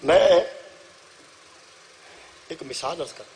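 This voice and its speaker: A middle-aged man with a Punjabi accent preaching a sermon at a religious gathering, telling a story that swings between loud declaiming and soft asides, repeating phrases for effect. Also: fairly high pitch, expressive, creaky. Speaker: Shia cleric preaching at a majlis. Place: religious gathering before an audience.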